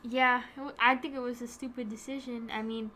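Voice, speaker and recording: A woman's voice: fairly high pitch, little pitch movement, fairly quick, bright, forceful tone, slight background noise. A young woman giving brief, offhand remarks in a casual sports chat, speaking from off the mic.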